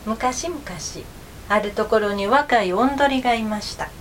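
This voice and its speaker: A woman tells a children's folk tale in a gentle, measured way, her voice sitting a bit on the high side. She paces the story calmly. A faint hum lies behind her. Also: rough recording.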